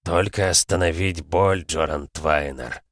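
A man voicing a strange birdlike female wind creature who speaks in slow, broken, halting phrases. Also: sits low, dry recording, clean studio sound. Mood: cryptic.

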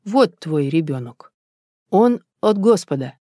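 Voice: mid-range voice, sing-song, slow pace, warm tone, no room sound, studio quality. A reader voicing a stern, determined older village mother in an audiobook, speaking in a commanding, insistent way. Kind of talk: audiobook character voice.

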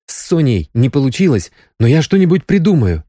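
A man reading a wry, calm grown man in love. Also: medium pitch, brisk, dry recording, studio quality, voice pushed up. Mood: wry, tender. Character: grown man, dry-humoured, gently teasing lover.

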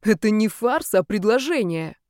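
A woman voicing an arrogant, quick-tempered young man who talks in a curt, sneering way. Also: mid-range voice, big pitch swings, darkish tone, dry recording, clean studio sound, close to an everyday voice. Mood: bossy.

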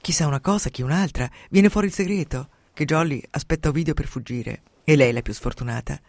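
Expressive male radio storyteller. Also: fairly high pitch, fast, dry recording. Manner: expressive, dropping to hushed whispers at tense moments. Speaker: reader. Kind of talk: dramatic audiobook narration.

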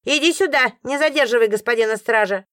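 A woman's voice: fairly high pitch, fairly quick, fairly bright tone, no echo, clean studio sound, natural voice. A woman voicing a fussy old landlady, fawning and sugary with guests and grumbling otherwise, in an audiobook. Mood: sugary fussing. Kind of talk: audiobook character voice.

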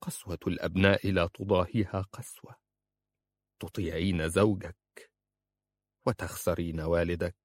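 A man voicing an older judge and father, proud and stubborn, speaking in a stern, measured way. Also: on the low side, lively intonation, a little mellow, no room sound. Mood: hurt.

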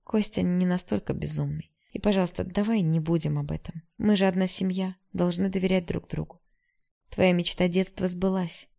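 Audiobook figure: weary, kind mother, quiet and soothing, mellow tone, read by a woman. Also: lowish voice, fairly even intonation, moderate pace, creaky. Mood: gentle. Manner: soft, tired, soothing. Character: gentle weary middle-aged mother, forgiving.

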